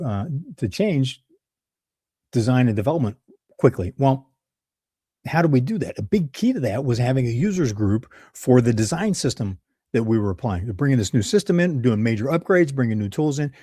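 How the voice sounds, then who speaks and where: A man's voice: medium pitch, expressive, normal speed, warm tone, dry recording, studio quality. A man with a Midwestern accent hosting a solo leadership advice talk, conversational and prone to digressions and self-corrections. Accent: Midwestern American. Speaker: leadership channel host.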